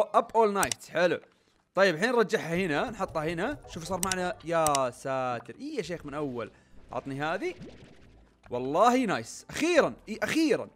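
A young man, chatting excitedly to viewers as he plays a video game. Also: a little high. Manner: excitable, chatty, talks to viewers while playing. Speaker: gaming YouTuber. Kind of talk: casual let's-play commentary. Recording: faint game music behind.

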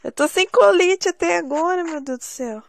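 High-voiced woman bossing her squad. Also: moderate pace, gravelly, rough recording. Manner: bossy, teasing, exasperated banter with teammates. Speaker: gameplay channel host. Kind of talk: casual gaming commentary. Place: at home.

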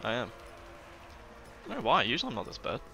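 A man's voice: medium pitch, wildly swooping pitch, fast, vocal fry, sharp tone, slight background noise. A young man streaming a game and chatting casually, laughing often and swearing. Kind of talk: casual gameplay chat.

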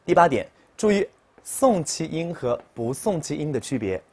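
A man teaching a pronunciation lesson, explaining in Chinese and repeating each example word louder and higher. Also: sing-song, moderate pace, breathy edge. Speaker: Japanese teacher.

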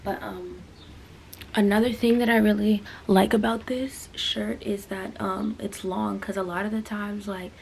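Young woman, 20, rambling haul chat, gravelly voice, faint room hiss, camera across a small bedroom. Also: medium pitch, steady tone, a little slow. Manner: chatty, rambling, full of fillers and asides. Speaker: fashion vlogger. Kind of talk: casual try-on haul chat. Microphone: camera on a stand, mid-distance.

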